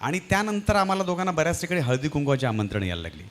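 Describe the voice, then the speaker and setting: A man doing stand-up comedy on stage at a live event, telling an animated story and acting out its voices. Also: a little high, racing. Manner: animated, acts out the voices in his stories.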